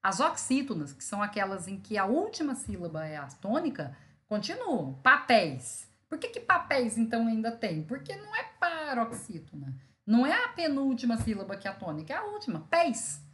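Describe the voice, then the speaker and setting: A woman teacher giving a recorded grammar lesson, explaining step by step, checking in with her students and sounding out syllables slowly for emphasis. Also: on the high side, very animated.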